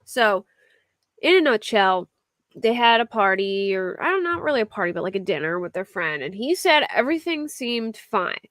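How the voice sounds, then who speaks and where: A young woman from the Philadelphia area, with the accent to match, hosts a true crime livestream, casually reading a crime story aloud while chatting with viewers and laughing often. Her mid-range voice is very animated and a bit bright, at a normal speed, recorded with clean studio sound and no echo.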